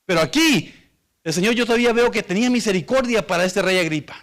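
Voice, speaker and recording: A man's voice: high voice, fast, a bit bright. A man preaching a sermon, reading Bible verses aloud and explaining them to the congregation, whom he calls church. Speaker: pastor.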